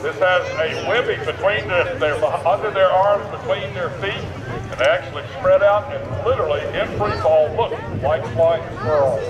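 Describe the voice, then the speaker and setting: A man working as an airshow commentator, giving excited, encouraging live commentary over outdoor loudspeakers. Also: high-pitched, normal speed, highs cut off. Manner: hype-man urging the crowd to cheer and explaining the flying. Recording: loud outdoor PA, echoing, crowd and engine noise.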